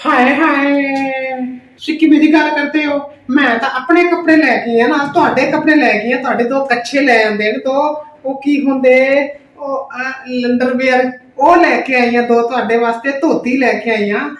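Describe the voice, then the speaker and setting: Comedy skit aunty, played by a woman: Pakistani Punjabi, high-pitched, loud, excitable, melodramatic exclamations, echoey room. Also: moderate pace, muffled recording, close to an everyday voice. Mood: indignant, dramatic. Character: loud, dramatic, excitable village aunty and wife. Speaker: actor in a family comedy vlog. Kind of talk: family comedy skit acting. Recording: roomy echo with clear background noise.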